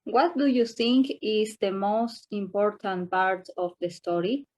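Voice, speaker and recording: A woman's voice: medium pitch, a little slow, a little mellow. A woman in her thirties from Argentina, a language student answering a question in a class presentation. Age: 30s.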